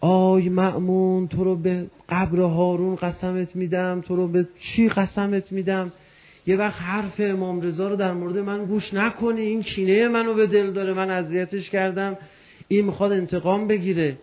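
A preacher voicing a desperate, scheming male commander, shouting his urgent plea in a sermon story. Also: sits high, little pitch movement, lo-fi sound, natural voice. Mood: pleading. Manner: loud, urgent pleading.

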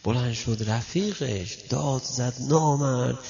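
A male preacher giving a sermon, telling stories and speaking directly to his listeners, with a gravelly voice. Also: medium pitch, slight background noise. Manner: storytelling, addresses listeners directly, animated quoting. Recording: dull lo-fi recording.

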